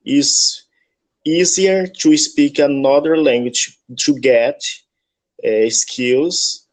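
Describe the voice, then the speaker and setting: A man whose native language is Portuguese, speaking with a Brazilian Portuguese accent, takes an online English lesson over a video call as a student. He halts and searches for words, and his voice is fairly high-pitched.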